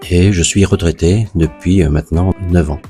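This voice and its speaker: A retired man in his late sixties, speaking haltingly with many fillers in an interview. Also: low-pitched, steady tone. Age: 60s. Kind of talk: interview testimony. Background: soft guitar music.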